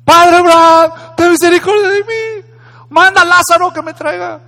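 A man's voice: extremely high pitch, measured pace, pushed and bright, pitched above the performer's own voice, heavily acted. A man voicing a rich man in torment who wails and pleads frantically. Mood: desperate pleading. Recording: echoey hall.

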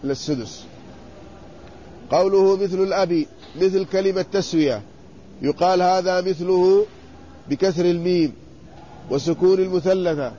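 A man teaching a classroom lesson, stretching out word forms slowly and quizzing his students. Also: sits high, dark tone. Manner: drawn-out repetition of word forms, questioning students. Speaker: sheikh teaching inheritance law. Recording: muffled lo-fi lecture recording with faint noise.

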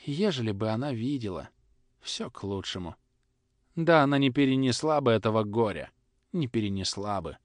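A man's voice: medium pitch, animated, moderate pace, no echo, close to an everyday voice. A man voicing a stern, imperious elderly countess grandmother who drawls her words. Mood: tearful. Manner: drawling, commanding.

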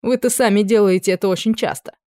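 A reader voicing a brash guard captain who barges in loud, blunt and sneering. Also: medium pitch, fairly even intonation, quick pace, no room sound, studio quality, pitched above the performer's own voice, lightly acted.

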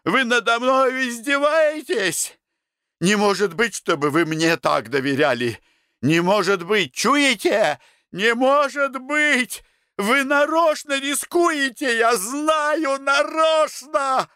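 An overwrought young ex-street kid. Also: male voice, takes it slowly, clear, resonant tone, dry recording, clean studio sound, full character voice. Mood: frantic. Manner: high-strung, pleading, bursting into shouts. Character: excitable young male ex-street kid, proud and touchy. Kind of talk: audiobook character voice.

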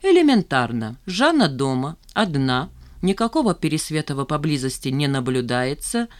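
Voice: medium pitch, sing-song, moderate pace, close to an everyday voice. A reader doing a stern, matter-of-fact male friend. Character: stern composed male friend, dryly reasoning. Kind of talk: audiobook character voice.

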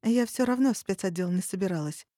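A woman's voice: medium pitch, lively intonation, quick pace, mellow, no echo, clean studio sound, natural voice. A woman voicing a shy, earnest young female trainee hunter in an audiobook. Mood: hesitant.

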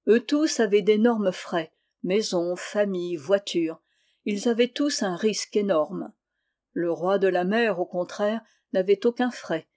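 A woman's voice: medium pitch, mellow. Woman reading a novel aloud. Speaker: audiobook reader. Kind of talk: literary audiobook narration.

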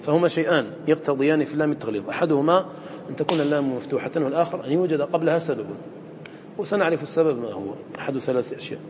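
Fast-talking male teacher in an echoey hall. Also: fairly high pitch, animated. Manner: explains step by step, quizzes students with short questions. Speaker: teacher of Quran recitation. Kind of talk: classroom lesson explaining a poem. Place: lecture room with students. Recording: echoey hall with faint noise.

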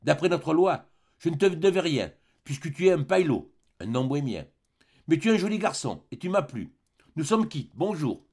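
A man's voice: fairly high pitch, big pitch swings, normal speed, darkish tone, husky, voice pushed up, heavily acted. A man voicing a mocking, teasing young woman. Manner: mocking, playful.

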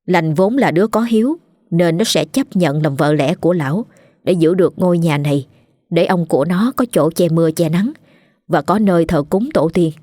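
A woman narrating a ghost story in a steady, measured reading voice. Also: fairly low pitch, no echo, clean studio sound. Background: soft background music.

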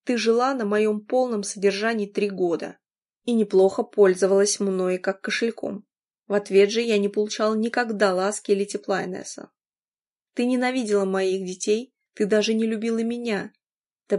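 A woman's voice: mid-range voice, steady tone, normal speed, a little mellow, natural voice. A woman reading an audiobook, voicing a furious wealthy man who swears and growls. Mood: enraged.

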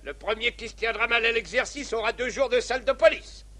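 A man's voice: very high voice, a little fast, bright, forceful tone, exaggerated voice. A man playing a strict, pompous army captain in a stage farce, sarcastic and barking commands like a drill sergeant. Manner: drill sergeant bark, clipped commands, mock politeness. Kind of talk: theatrical stage farce acting.

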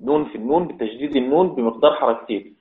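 Man, recitation teacher, step-by-step explaining, slow drawn-out examples, phone-like sound. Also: medium pitch. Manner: explains step by step, repeats key words, draws out recited examples slowly. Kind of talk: religious lesson. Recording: tinny phone-like sound in an echoey room.

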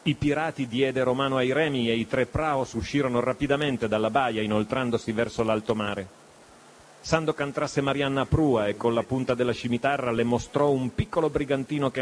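A man reads an adventure story aloud in a dramatic audiobook style. His voice sits at a middle pitch and moves expressively, dipping and rising with the action of the scene. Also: a little fast, slight background noise. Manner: expressive, shifts voice for dialogue. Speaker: audiobook reader. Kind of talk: dramatic literary reading.

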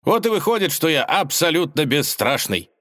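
A man voicing a brash, quick-tempered young hero, talking loudly and excitedly. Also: on the high side, dry recording, studio quality, voice pushed up. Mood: boastful. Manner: loud, excited, shouting.

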